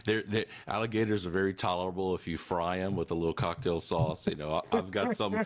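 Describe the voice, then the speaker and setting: A man's voice: low-pitched, fairly even intonation, fast. A man, chatting casually as a podcast guest in a laid-back, dryly humorous way. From Louisiana. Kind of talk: casual chat.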